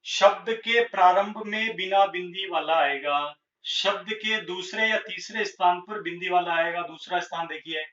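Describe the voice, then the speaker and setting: A man teaching a grammar lesson at a board, speaking slowly and deliberately and repeating each example word. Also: sits high, sharp tone. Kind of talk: blackboard Hindi grammar lesson. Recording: echoey room, distant lo-fi mic.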